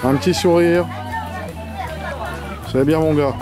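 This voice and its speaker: A man's voice: a little high, fairly even intonation, slow pace, loud music behind the voice, a loud crowd. A middle-aged man filming a family vlog outdoors at a zoo, chatting cheerfully to the animals and the camera. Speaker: family vlogger. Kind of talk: casual vlog commentary.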